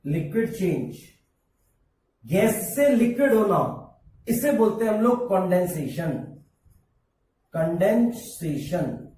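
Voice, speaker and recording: High-voiced teacher in an echoey room. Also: male voice, very animated, darkish tone, distant mic, a little hiss or hum. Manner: slow, repeats key terms, asks and answers his own questions. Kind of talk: classroom lesson.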